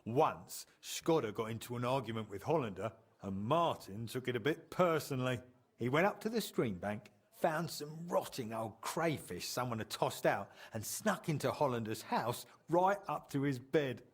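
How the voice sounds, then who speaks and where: Medium in pitch and moderate in pace, this slightly rough voice belongs to an animated medieval townsman storyteller. Amused and colloquial, he acts out quotes while fondly reminiscing about an old drinking friend in video game dialogue.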